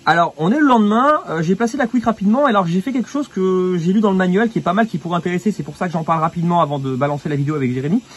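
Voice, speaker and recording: A man hosting a casual product review, chatty and quick to laugh, with lots of fillers. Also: high voice, slightly rough, lo-fi sound. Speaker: host testing equipment.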